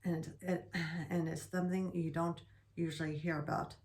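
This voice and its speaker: Low flat-voiced woman speaking haltingly. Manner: slow halting speech with restarts. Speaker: guest sharing stroke recovery. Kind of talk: reading prepared remarks.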